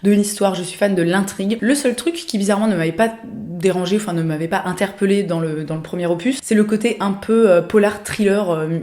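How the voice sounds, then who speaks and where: A woman's voice: medium pitch, fairly quick, a little mellow, roomy sound. A young woman chatting casually about books and shows she recommends, with lots of hesitations and fillers. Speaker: lifestyle vlogger.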